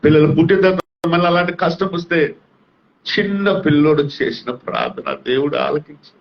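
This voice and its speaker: A man's voice: fairly high pitch, very animated, brisk, creaky. A middle-aged man giving an emotional testimony as a pastor, earnest and near tears, his fervor rising as he speaks. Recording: dull lo-fi sound.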